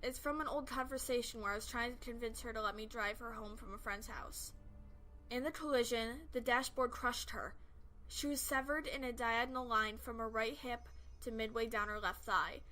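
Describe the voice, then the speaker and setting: A woman's voice: fairly high pitch, moderate pace, sharp tone, soft background music. A woman reading a scripted first-person horror story as its narrator.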